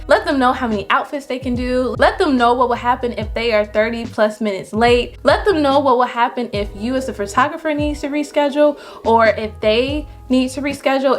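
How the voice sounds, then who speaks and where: A young adult woman photographer giving casual, encouraging business advice to viewers, with lively jumps in pitch when she stresses a point. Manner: chatty and encouraging, animated pitch jumps on emphasis.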